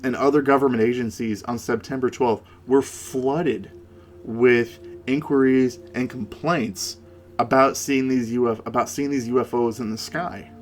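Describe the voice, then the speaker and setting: A man co-hosting a conversational paranormal case discussion, speaking in a halting way and repeating words. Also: mid-range voice, fairly even intonation. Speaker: podcast co-host.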